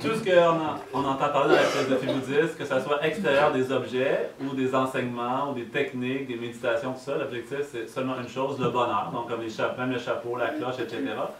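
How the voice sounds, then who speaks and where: A man's voice: medium pitch, fairly even intonation, brisk, hardly any pauses. A man acting as interpreter, summarizing the explanation fluently for an audience. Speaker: interpreter helping the speaker. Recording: distant roomy mic with faint hiss.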